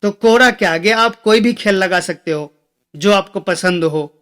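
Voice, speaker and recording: A young man with a high voice teaches phrases in a patient lesson. He says each phrase slowly and repeats it several times before he gives its meaning. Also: fairly bright tone. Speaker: Arabic teacher. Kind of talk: explaining Arabic phrases.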